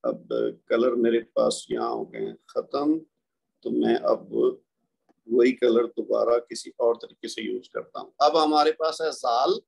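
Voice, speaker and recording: A man's voice: mid-range voice, animated, vocal fry, darkish tone, husky. A man teaching a Quran recitation class over a video call, patiently explaining and drawing out letter sounds. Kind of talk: online class lecture. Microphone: computer mic on a video call.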